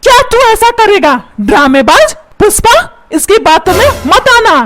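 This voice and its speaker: A woman's voice: extremely high pitch, big pitch swings, normal speed, fairly bright tone, full character voice. A woman voicing a grumpy, put-upon old husband and father who scolds and complains. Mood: scolding. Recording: music playing behind.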